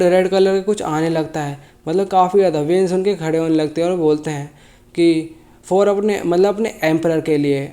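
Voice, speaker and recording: A manhwa recap narrator with a high-leaning, mellow voice recaps a story casually despite a sore throat and feeling unwell. He's loose in his delivery, often correcting himself and rephrasing mid-sentence.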